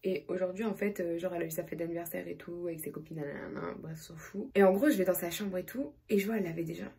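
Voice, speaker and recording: A woman's voice: fairly low pitch, fast, gravelly, mellow, slightly rough. A woman in her twenties chatting casually in a vlog, slangy and rambling. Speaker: vlogger.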